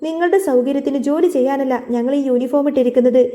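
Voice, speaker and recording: A woman's voice: sits high, fast, dark tone, lightly acted. A woman voicing a stern female police officer who speaks in a commanding way, read as part of a retold serial.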